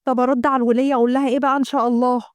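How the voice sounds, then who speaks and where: A woman's voice: high voice, level tone, rapid-fire, clean tone, no echo, clean studio sound, lightly acted. A woman voicing a middle-aged Egyptian housewife who argues and complains to her husband. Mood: complaining. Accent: Egyptian Arabic. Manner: pleading, complaining.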